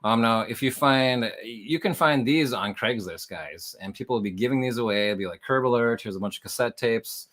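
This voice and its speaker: A man hosts a livestream, explaining things casually and talking straight to his viewers as if in conversation; he is also a reseller. His voice sits at medium pitch with a fairly bright tone, moving at normal speed with few pauses.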